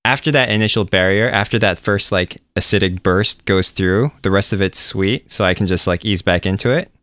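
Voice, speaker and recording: A man with a lowish, resonant voice talks in a loose, meandering way. He sounds relaxed and pokes fun at himself. The sound is close and dry, with no room around it. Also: moderate pace, no echo. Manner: relaxed, rambling, self-deprecating. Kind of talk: casual chat.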